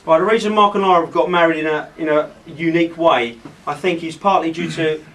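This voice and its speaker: A man's voice: fairly high pitch, fairly even intonation, a bit bright. Man giving a rambling wedding toast, distant mic. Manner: rambling, halting, repeats phrases. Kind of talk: informal wedding toast speech. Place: wedding reception, speaking to gathered guests. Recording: distant mic in a noisy room.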